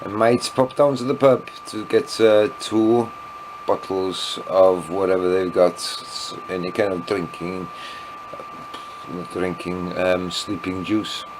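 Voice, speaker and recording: Low and steady, the voice of a Welsh-accented vlogger, a native Welsh speaker, moves at a slow pace against a noisy background. Somewhat tipsy from wine, he meanders through an evening video diary, often losing track and making self-deprecating asides.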